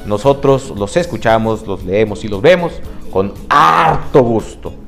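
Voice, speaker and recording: A man's voice: fairly low pitch, expressive, unhurried, vocal fry, fairly bright tone, soft background music. A man co-hosting a news podcast, reading international headlines with joking asides. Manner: joking, self-mocking asides. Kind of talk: news read with banter.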